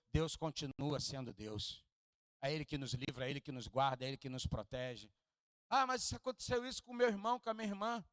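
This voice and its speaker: Preaching in a church hall, a pastor with a Carioca Portuguese accent from Rio moves from hushed, low asides to loud, high climaxes, joking with his congregation and prompting them to repeat after him. The recording is dry and studio quality.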